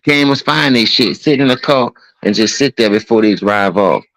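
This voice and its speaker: Man, low voice, dry close-mic sound, loose profane podcast storyteller. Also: moderate pace, a bit bright, no room sound, poor audio. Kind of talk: casual podcast chat.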